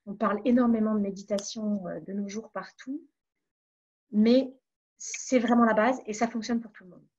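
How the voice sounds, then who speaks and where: A woman from France giving calm advice as a webinar coach, pausing on fillers and restarting her phrases. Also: medium pitch, breathy edge, muffled recording. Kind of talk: online webinar talk.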